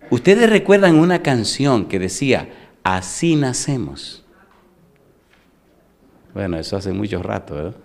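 A middle-aged male pastor delivers a sermon in a chatty, conversational way. He often stops to put rhetorical questions to the congregation. His voice sits at an ordinary male pitch. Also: gravelly, a little mellow.

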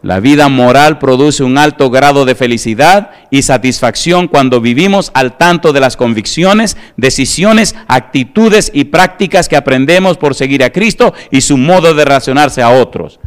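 A man's voice: medium pitch, normal speed, hardly any pauses, smooth. A middle-aged male pastor preaching a sermon, emphatic and firm, who keeps putting rhetorical yes-or-no questions to the congregation.

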